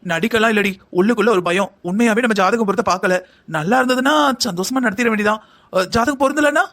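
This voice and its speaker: A woman's voice: medium pitch, quick pace, a bit bright, close to an everyday voice. A woman voicing an anxious, scheming middle-aged mother who talks in a dramatic, self-pitying way in a cartoon drama. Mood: fretful.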